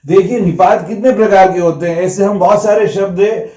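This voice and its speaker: A man teaching a grammar lesson, explaining slowly and repeating example sentences. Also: high-pitched, fairly even intonation, warm tone, far from the mic. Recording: roomy, slightly dull home recording.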